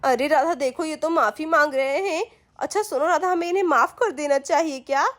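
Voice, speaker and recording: A woman's voice: high-pitched, natural voice. A woman voicing a playful, scheming older sister-in-law in a doll story. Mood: thoughtful. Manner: brisk, plotting. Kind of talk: Hindi doll-story role-play.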